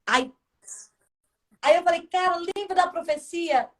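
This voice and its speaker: Brazilian woman, gospel singer, high voice, emotional testimony over a video call. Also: unhurried, crowd noise. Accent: Brazilian Portuguese. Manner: emotional storytelling, acts out her own past words. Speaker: gospel singer, interview guest. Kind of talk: casual testimony in a radio interview.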